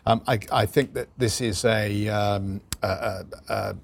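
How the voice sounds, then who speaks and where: Guy with a lowish voice doing rapid market news, anchor style. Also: creaky, slight background noise. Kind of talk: market news presenting, partly ad-libbed.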